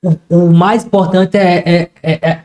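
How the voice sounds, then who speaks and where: A man's voice: high-pitched, level tone, unhurried, dark tone, roomy sound. A man hosting a podcast, who speaks to his guest in a respectful, deferential way. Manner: deferential, calls the guest doctor. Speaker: podcast host. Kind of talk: casual podcast conversation.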